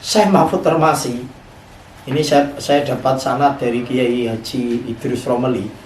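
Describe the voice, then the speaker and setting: A man's voice: medium pitch, fairly even intonation, measured pace, a little mellow, slight background noise. A man, preaching a sermon and telling a story, often putting questions to his audience. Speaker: Islamic preacher. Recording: echoey room, voice from far off.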